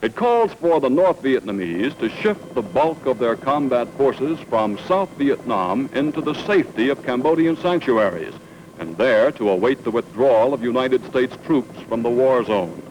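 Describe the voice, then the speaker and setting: Old newsreel narrator, male, steady formal announcer read, mid-pitched voice. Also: moderate pace, slight background noise, low-quality recording.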